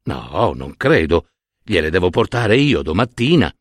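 A man's voice: low-pitched, big pitch swings, measured pace, husky, no room sound, clean studio sound, full character voice. A man voicing a humble, good-hearted old shoemaker in a storybook tale, speaking plainly with a grumble. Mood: homely.

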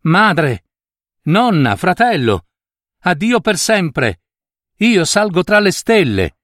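A man voicing a tender young girl in a storybook reading, raising his voice to sound high and pleading. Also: animated, unhurried, no echo, studio quality, lightly acted. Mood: emotional farewell. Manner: pleading, raised pitch, cries out.

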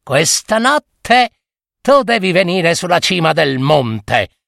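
A man voicing a cunning red-haired witch who talks in a teasing, sing-song, drawn-out way. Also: a little high, sing-song, creaky, a bit bright, no room sound, clean studio sound, pitched above the performer's own voice, heavily acted.

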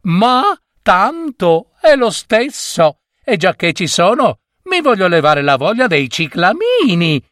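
A man voicing a cheerful middle-aged woman office clerk in a storybook reading, talking in a gushing, high, drawn-out way. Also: big pitch swings, a bit bright, no echo, clean studio sound, exaggerated voice. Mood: delighted.

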